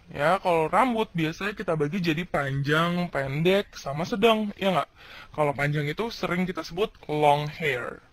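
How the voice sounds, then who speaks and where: A man's voice: high-pitched, fairly bright tone. A man from Indonesia teaching English vocabulary in a casual video lesson, chatty and slangy, asking questions and answering them himself.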